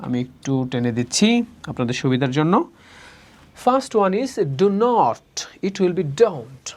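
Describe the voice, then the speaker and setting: A man teaching spoken English in a recorded lesson, saying each word slowly and repeating the forms. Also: fairly high pitch, big pitch swings, darkish tone. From Bangladesh. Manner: drills words slowly, repeating each form twice.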